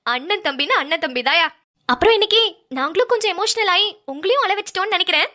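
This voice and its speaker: A woman's voice: very high voice, animated, quick pace, pushed and bright. A woman hosting a cartoon channel, giving a chatty, upbeat outro to viewers.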